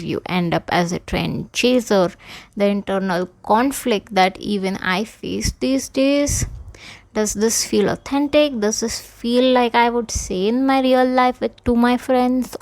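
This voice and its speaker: A woman's voice: mid-range voice, no echo. A young woman with an Indian accent, hosting her own show, talking frankly and casually and switching into Hindi mid-sentence. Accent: Indian English. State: out of breath. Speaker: podcast host. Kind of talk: candid casual monologue.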